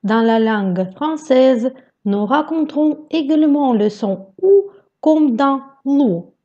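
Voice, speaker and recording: A woman teaching Russian vowels in a slow pronunciation lesson, carefully modelling each sound. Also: sits high, lively intonation, dark tone, lo-fi sound.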